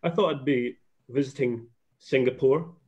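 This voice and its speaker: A man's voice: medium pitch, normal speed, a little mellow. Chatty man on a muffled call. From Scotland. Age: middle-aged. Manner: chatty, rambling with restarts. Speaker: guest. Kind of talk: casual video call interview. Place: home office. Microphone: laptop webcam video call. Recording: muffled video call audio.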